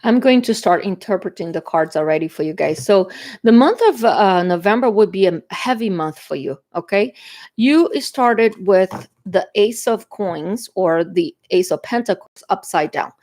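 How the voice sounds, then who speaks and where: Expressive and a little mellow, her medium-pitched voice moving at a moderate pace, a tarot reader from Brazil talks through the cards in a chatty way. She has a Brazilian Portuguese accent, speaks Portuguese natively, and frequently uses fillers and "okay?".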